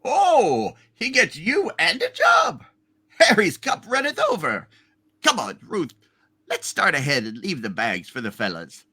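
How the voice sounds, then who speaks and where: A man's voice: sits high, huge pitch swings, unhurried, bright, forceful tone, husky, full character voice. A man playing a jolly, scatterbrained, tipsy old uncle in a hammed-up play reading, rambling and exclaiming. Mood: amused.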